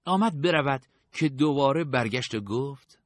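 A man reads a story aloud with a steady, even storytelling delivery. His voice sits at a middle pitch, and the recording sounds dry and close, with no room around it. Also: no echo. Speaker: narrator. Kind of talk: audiobook narration.

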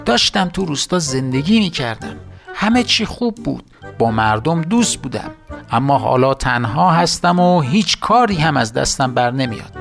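A man's voice: medium pitch, expressive, vocal fry, fairly bright tone, faint music behind. A man voicing a bitter, jealous evil sorcerer in a storybook tale, talking in a raised, angry, whiny voice. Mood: regretful.

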